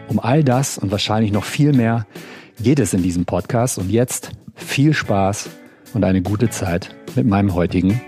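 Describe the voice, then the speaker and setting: A man's voice: on the low side, a little slow, a little mellow, soft background music. A man hosting a podcast in a chatty, colloquial way, introducing and interviewing. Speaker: podcast host, freelance journalist.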